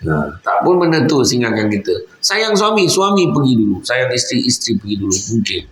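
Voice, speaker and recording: A man's voice: mid-range voice, very animated, fairly quick, echoey room, low-quality recording. A man with a Malaysian Malay accent giving a religious lecture, telling stories with rhetorical asides to his listeners. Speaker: preacher. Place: lecture venue, indoors.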